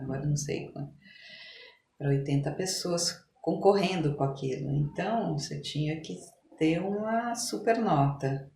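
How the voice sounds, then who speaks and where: Speaking in a low, slightly mellow voice, an older woman from São Paulo, Brazil, recounts her life in a relaxed interview. There's slight background noise, a roomy echo and noticeable ambience in the recording.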